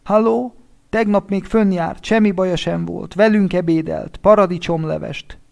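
A man voicing a grief-stricken middle-aged man in a storybook reading, speaking high and strained, his voice breaking as he pleads over the telephone. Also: steady tone, gravelly, darkish tone. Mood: frantic.

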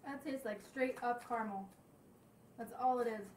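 A woman's voice: a little high, normal speed, a little mellow, distant mic, a little hiss or hum. A young woman reviewing snacks for her vlog, chatty and candid as she tastes each one. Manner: chatty, candid reactions while tasting. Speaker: snack tasting vlogger. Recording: roomy echo, voice off-mic.

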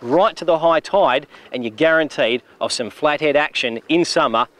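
A middle-aged Australian man hosting a fishing show, explaining technique on a riverbank and getting excited when fish bite. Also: a little high, normal speed. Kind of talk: on-location fishing demonstration. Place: outdoors on a river beach.

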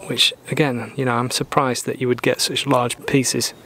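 A man in his thirties talks through a boat repair in a calm, methodical way, now and then blunt in his opinions. His pitch stays level and even. The outdoor camera mic picks up a faint background hum. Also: normal speed. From Britain. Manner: calm, methodical, plain-spoken, mildly opinionated. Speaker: sailor doing boat repairs. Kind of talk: explaining repair steps while working. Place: outdoors in a garden workshop.

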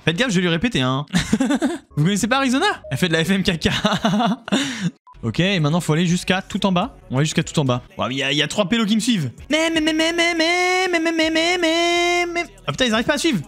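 A man's voice: high-pitched, very animated, very fast, a bit bright. A man streaming a video game, joking with his chat in a casual, exclamatory way. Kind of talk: casual live-stream gaming commentary.

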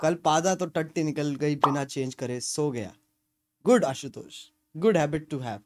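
A man streaming a horror game, commentating live with panicky yelling and crude jokes. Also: fairly high pitch, a little slow, very noisy. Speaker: gaming streamer.

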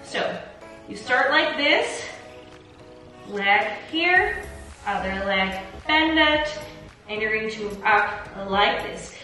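A woman's voice: on the high side, animated, slow, long pauses, sharp tone. A woman fitness instructor guiding a home workout, out of breath, upbeat and reassuring. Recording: echoey room, voice from a distance. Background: background music.

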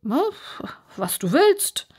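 A woman's voice: fairly high pitch, very animated, slow, a little mellow, breathy edge, pitched above the performer's own voice, full character voice. A woman reading an audiobook aloud and voicing an aloof male footman who drawls his replies.

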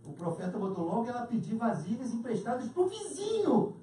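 A Brazilian woman preaching a lively sermon, calling listeners dear and acting out little scenes. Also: on the high side, fairly quick, a little hiss or hum. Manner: animated, addresses listeners as "querido", acts out scenes. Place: church hall. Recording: roomy hall from far off.

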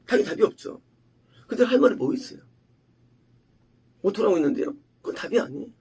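A male pastor giving an emphatic sermon, asking rhetorical questions and swinging between loud and hushed delivery. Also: high-pitched, expressive, fast talker, a little hiss or hum.

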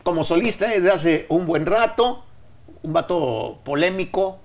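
A middle-aged man hosting a casual interview in an office studio, relaxed and joking, speaking into a desk mic. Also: high voice, unhurried. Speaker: host. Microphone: desk mic on stand.

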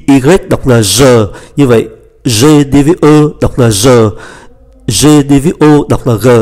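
A man teaching a French grammar lesson, patiently spelling out letters and slowly repeating each conjugation. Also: mid-range voice, darkish tone.

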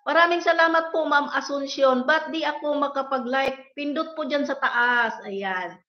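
A woman's voice: sits high, a little slow. A woman hosting a casual livestream, politely reading out viewers' names and greetings in a chatty way. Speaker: livestream host. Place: indoors, worker's home abroad. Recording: echoey room, dull lo-fi sound.

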